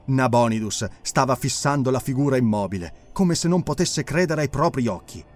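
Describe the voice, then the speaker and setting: A man reading an audiobook in a measured, expressive narration. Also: mid-range voice. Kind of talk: scripted dramatic narration.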